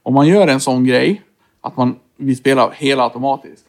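A man with a gravelly, creaky voice who talks over ideas slowly and holds firm opinions. He chats casually with his bandmates. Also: mid-range voice, a little mellow. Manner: musing, opinionated. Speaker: band member. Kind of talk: casual chat.

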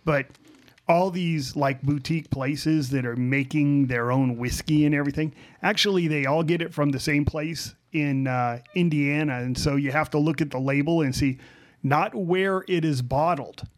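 A man's voice: on the high side, normal speed. A man hosting a podcast in casual chat, explaining things in a wry way. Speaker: podcast host.

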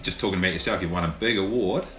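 At a lunch event venue, a New Zealand-accented man hosts a casual podcast interview, chatty and affirming with lots of "yeps". His voice is low and a bit bright, and he talks very fast. The recording is roomy with faint room noise.

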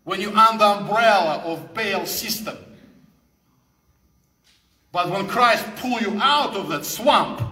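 A man's voice: high voice, pushed and bright. A man from the Soviet Union with a Russian accent, giving a fervent, preaching speech to a live audience and repeating phrases for emphasis. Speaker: guest speaker. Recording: echoey hall with long reverb.

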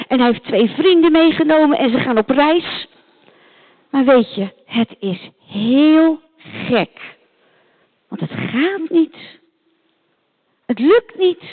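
A woman telling a Bible story to children, animated and speaking directly to her listeners, on a tinny phone-like recording. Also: high-pitched, slow.

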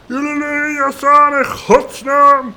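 A man's voice: extremely high pitch, flat delivery, a little hiss or hum, pitched above the performer's own voice, heavily acted. A man playing a bellowing, roaring boatswain. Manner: roaring, drawn-out shouting. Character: gruff male boatswain, bellowing orders.

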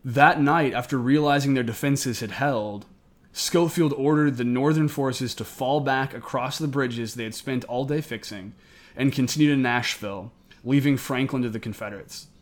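A man narrates history as a podcast co-host. His voice sits at an average pitch, and he follows a semi-scripted account. He is recording indoors, up in the attic of an old house. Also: normal speed. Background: air conditioning may be running.

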